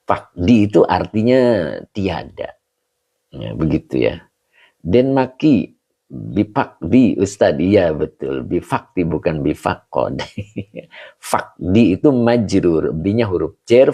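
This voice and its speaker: A man teaches Arabic grammar on a live stream, reading out and answering viewers' comments as he goes. His low voice is gravelly and husky, and his pitch moves up and down a lot. He speaks at an unhurried pace and often checks in with the listener. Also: mellow. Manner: reads out and greets viewers' comments; explains slowly, with rising checks like "begitu ya". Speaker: religious teacher. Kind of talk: livestreamed Arabic grammar lesson.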